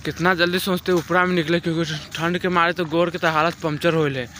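A young man chats his way through a casual vlog, filming himself on a phone held at arm's length. His voice sits a little high and comes across bright and forward. Faint outdoor noise runs underneath. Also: level tone, brisk. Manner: chatty, walking narration to a handheld camera. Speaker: vlogger. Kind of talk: casual village vlog narration. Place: outdoors in a foggy village field. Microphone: phone camera held at arm's length.

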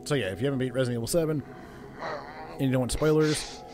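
A man's voice: medium pitch, fast. Chatty young man commenting on gameplay. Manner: chatty, joking, reads on-screen text aloud. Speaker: gaming video host.

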